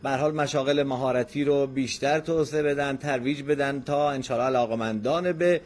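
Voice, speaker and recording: A man hosting a radio program, speaking in a polite, formal, announcer-like way. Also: medium pitch.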